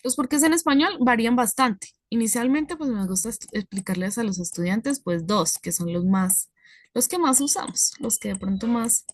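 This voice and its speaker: A woman's voice: fairly high pitch, lively intonation, normal speed. A woman teaching an English class, explaining patiently step by step and checking in with her students.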